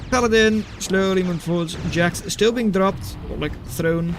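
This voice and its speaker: This streamer's voice sits high and moves at a normal speed, with faint music behind him. He commentates a strategy game replay live and talks with his audience, his remarks plain and deadpan.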